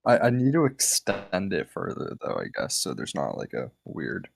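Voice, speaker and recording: A man's low, gravelly voice reaches us over a remote call, broken up by corrupted, glitching audio. He talks in a casual, offhand way while busy with something else, and his pitch swings widely. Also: wildly swooping pitch, moderate pace, dry recording, clean studio sound. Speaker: friend on a call. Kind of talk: casual chat.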